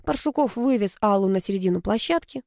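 A woman reading a story aloud as an audiobook narrator, in an even storytelling manner. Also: medium pitch, fast talker, gravelly, dry recording, clean studio sound. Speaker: audiobook reader. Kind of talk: scripted narration.

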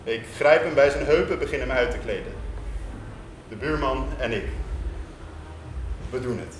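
Male stage performer, first-person monologue; slow, intense, rhythmic, pausing hard. Recorded live from a distance in an echoey room. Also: medium pitch, expressive, slight background noise. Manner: intense, rhythmic, with dramatic pauses. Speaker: performer reading a literary monologue. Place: stage in a music venue.

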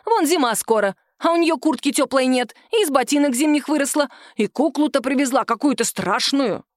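Женщина озвучивает ворчливую деревенскую мать средних лет, которая насмешливо и сердито жалуется. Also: female voice, high voice, expressive, fairly quick, dry recording, studio quality, voice pushed up. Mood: ворчливо. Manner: complaining, scornful. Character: grumbling middle-aged village woman, mother.

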